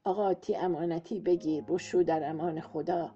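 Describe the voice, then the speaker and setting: A woman's voice: lowish voice, steady tone, slightly rough. A woman voicing a loyal male servant who speaks in a with plain, reassuring folk speech. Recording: muffled, soft music behind.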